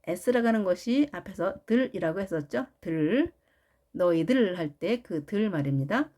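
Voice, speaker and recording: Slow, patient woman teaching grammar. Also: mid-range voice, lively intonation, warm tone. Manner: slow, patient, deliberate explanations. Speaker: English teacher. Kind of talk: grammar lesson narration.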